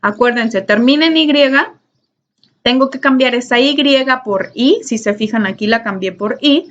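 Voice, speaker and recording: A woman's voice: a little high, moderate pace. A woman, teaching an online English grammar class in a patient, repetitive way and checking in often. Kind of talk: recorded online class lesson. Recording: dull lo-fi recording.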